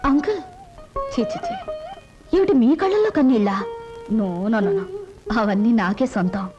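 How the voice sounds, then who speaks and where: A woman's voice: sits high, big pitch swings, normal speed, lo-fi sound, music in the background. An emotional young woman. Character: proud young woman about to leave home. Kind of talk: Telugu film drama acting. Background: film score.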